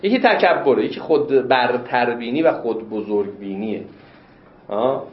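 A man teaching religious law in a classroom lecture. He explains texts and pushes his voice up sharply to stress his questions. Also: medium pitch. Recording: roomy, dull lo-fi lecture recording.

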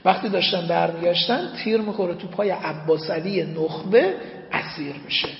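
A male religious speaker telling an emotional story as a sermon, in a dramatic, impassioned manner. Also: creaky. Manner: dramatic, impassioned storytelling with sudden rises in pitch and volume. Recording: echoey hall, dull lo-fi sound.

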